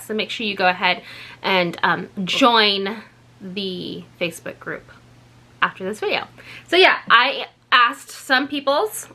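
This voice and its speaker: A woman's voice: a little high, pushed and bright. A woman in her thirties, a labor and delivery nurse, chatting casually to her vlog audience in a rambling, self-correcting way, tired after a night shift. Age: 30s.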